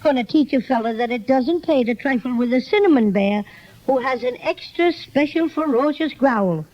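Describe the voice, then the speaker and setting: Male toy bear, Irish, pint-sized and high-pitched, feisty braggart; muffled vintage radio serial. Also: lively intonation, normal speed. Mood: blustering, feisty. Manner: blustering, theatrical. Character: small feisty, boastful male toy teddy bear, comically blustering. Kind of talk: 1930s children's radio serial acting.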